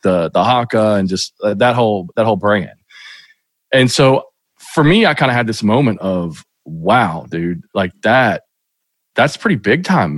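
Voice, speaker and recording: A man's voice: medium pitch, no echo. A middle-aged man from Kentucky, a podcast guest telling stories in a casual, rambling way with many restarts. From Kentucky, USA. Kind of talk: casual interview storytelling.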